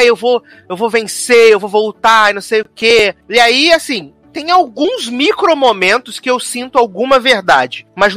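A man's voice: high voice, bright, forceful tone, dry recording. A man co-hosting a podcast, chatting casually and animatedly, now and then mimicking the people he describes. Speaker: podcast co-host. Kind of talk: casual chat review.

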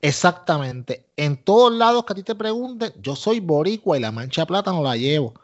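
Co-hosting a wrestling podcast, a Puerto Rican-accented man offers opinionated, casual commentary in Spanish sprinkled with English phrases, emphatic and repetitive. His fairly high voice has lively intonation at normal speed, captured in dull lo-fi audio.

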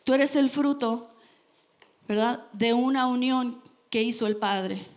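Woman, high voice, sermon, earnest, emphatic. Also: slow. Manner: earnest, emphatic, addresses congregation as brothers. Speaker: preacher.

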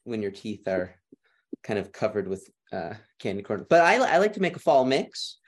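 A man's voice: fairly low pitch, big pitch swings, moderate pace. A man with a Minnesota accent, a podcast guest in casual chat, friendly and joking as he laughs along.

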